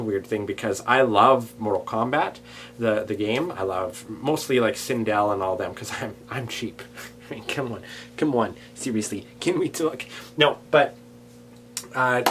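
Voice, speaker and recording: A man talking casually to camera in a daily vlog, animated and rambling, jumping between loud bursts and quiet asides. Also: fairly low pitch, slight background noise. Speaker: vlogger.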